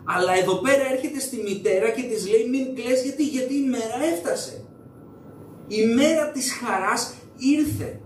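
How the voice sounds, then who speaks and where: A man's voice: extremely high pitch, a little hiss or hum. A young man preaching a sermon in a church, talking conversationally and putting questions to the congregation. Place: church hall. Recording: echoey hall, mic at a distance.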